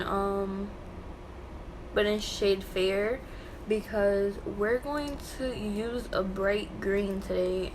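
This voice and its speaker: Young woman with a tongue-piercing lisp. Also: mid-range voice. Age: young adult. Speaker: makeup vlogger. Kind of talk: casual chatty makeup tutorial. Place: small bedroom at home, indoors. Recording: clearly noisy home room recording.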